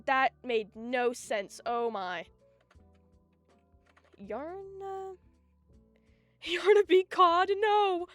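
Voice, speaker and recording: A young woman streaming live, chatting casually in an excitable, giggly, rambling way. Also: sits high. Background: faint music.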